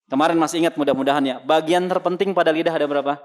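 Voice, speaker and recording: A man gives a recitation lesson to a congregation. He puts questions to the listeners and answers them himself, and he demonstrates each Arabic letter sound clearly. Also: a little high, steady tone, rapid-fire. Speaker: Quran recitation teacher.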